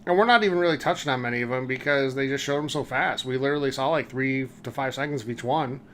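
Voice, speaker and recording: A man's voice: mid-range voice, quick pace, fairly bright tone, a little hiss or hum. A man hosting a casual podcast chat, upbeat, leading the talk and putting questions to his co-hosts. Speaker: podcast host.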